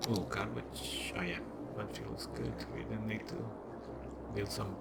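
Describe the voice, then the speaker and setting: The voice is extremely low and gravelly, with big pitch swings and a measured pace: a young Portuguese-accented man making gameplay videos. Speaking into a desk microphone, he casually rambles and thinks aloud while building a city in a game. Loud background music makes it very noisy.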